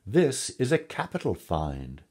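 Brief: nearsighted old cottage woman, read by a man, exclaiming, low husky voice, unhurried. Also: huge pitch swings, darkish tone, full character voice. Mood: pleased. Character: half-blind greedy old woman in cottage.

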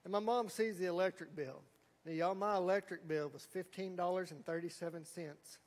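A man's voice: high voice, a little fast. A middle-aged man preaching a sermon, telling folksy stories and acting out quotes. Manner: folksy storytelling with acted quotes. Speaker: pastor. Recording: long hall reverb.

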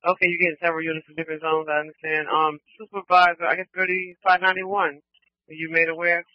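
A man's voice: on the high side, flat delivery, quick pace, dry recording. A man giving informal, conversational advisories over emergency radio. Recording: muffled scanner radio audio.

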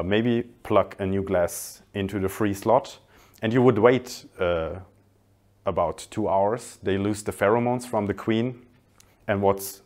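A man in his twenties, an industrial designer, calmly explaining his project in a documentary interview with a few restarts. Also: fairly low pitch. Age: 20s. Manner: calm, explanatory, some restarts. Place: indoor hallway by large windows.

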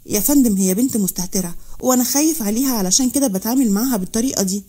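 A woman's voice: a little high, very fast, warm tone, slightly rough. A woman with an Egyptian accent voicing a stern, jealous male army officer who talks in curt warnings. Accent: Egyptian Arabic.

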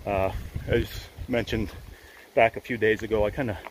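An older thru-hiker vlogs as he climbs a wet mountain trail, holding the camera at arm's length. His lowish voice stays steady at a moderate pace, laid-back and wry, with chuckles to himself. The recording is low-quality with slight background noise.

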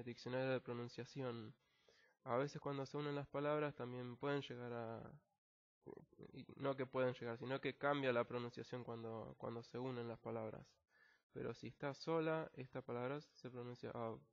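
A Latin American man teaching an English lesson over slides, explaining slowly, repeating words and restarting phrases. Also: medium pitch. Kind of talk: recorded online lesson. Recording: dull lo-fi recording.

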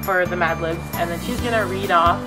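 A woman's voice: fairly low pitch, brisk, loud music behind the voice, rough recording. A young woman hosting a casual challenge video, chatty and prone to giggling. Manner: giggly, breaks into laughter often; chatty, rambling explanations. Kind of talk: casual chat.

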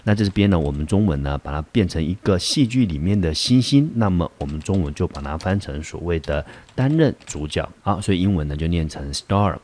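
Low-voiced teacher explaining patiently. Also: male voice, lively intonation, a little mellow. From Taiwan. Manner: patient explaining, frequent filler particles, slows to read English examples. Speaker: English teacher. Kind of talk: recorded classroom vocabulary lesson.

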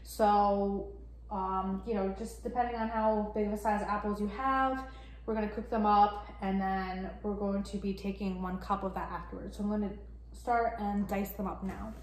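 This cooking vlogger, a woman in her thirties, has a mid-range, steady voice and a moderate pace. Cheerful and talkative, she explains each step while working in her home kitchen, recorded by a camera set at table distance in an echoey room with faint noise.

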